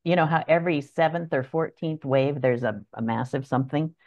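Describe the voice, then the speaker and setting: Gravelly voice on a dull group video call. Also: medium pitch, brisk, a little mellow. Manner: chatty, tells things in loose run-on phrases. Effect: heard over a group video call. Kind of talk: casual group chat.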